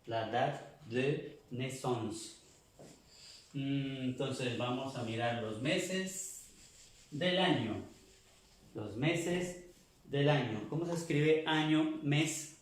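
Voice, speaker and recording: A man teaching French month names in a slow classroom pronunciation drill, patiently repeating each word. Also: medium pitch. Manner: patient, repeats words slowly. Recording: echoey room, mic at a distance.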